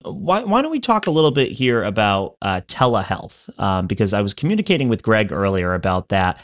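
A male radio host reading a smooth introduction and asking conversational questions. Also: fairly low pitch, big pitch swings, a little fast, fairly bright tone, no echo. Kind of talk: scripted intro then interview questions.

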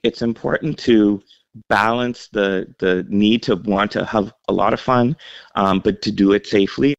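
Man from the Bahamas, health center head, low gravelly voice, dry close sound, unhurried with fillers. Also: no room sound, muffled recording. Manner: measured, explanatory, with frequent fillers. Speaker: health center CEO, interview guest. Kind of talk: radio interview segment.

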